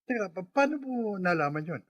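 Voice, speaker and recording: A man's voice: sits high, very animated, brisk, fairly bright tone, heavily acted. A man playing a flustered, defensive husband in a radio drama, who stammers as he talks.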